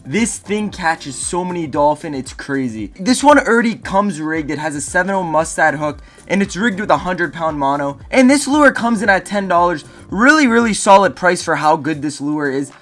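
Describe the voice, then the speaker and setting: A man's voice: high voice, lively intonation, normal speed, few pauses, a bit bright. A man presenting a top ten countdown review to viewers in a casual, emphatic way, stressing and repeating key phrases. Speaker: host of a fishing gear review video. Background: music.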